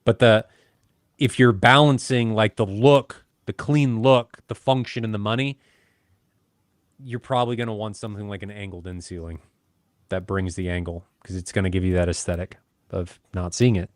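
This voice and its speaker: A man's voice: lowish voice, steady tone, moderate pace, no echo, clean studio sound. A man co-hosting a casual podcast, chatty and joking, poking fun at himself. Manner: chatty, joking, self-deprecating. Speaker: podcast co-host. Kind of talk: casual chat.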